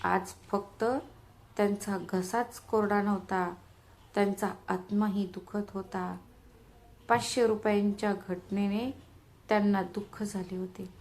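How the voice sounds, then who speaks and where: Female narrator, steady dramatic storytelling, scripted read. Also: medium pitch, slight background noise.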